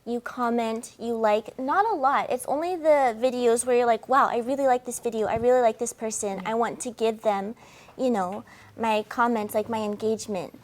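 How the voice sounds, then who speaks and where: A woman's voice: a little high, moderate pace. A woman on a panel reassuring a young creator, her talk full of "like" and "you know.". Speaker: social media influencer on a panel.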